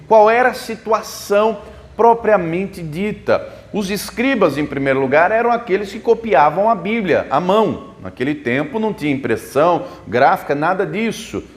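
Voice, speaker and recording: A man's voice: high voice, expressive, normal speed. A man preaching a sermon as a pastor, explaining the Bible with rhetorical questions at a church service. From Brazil.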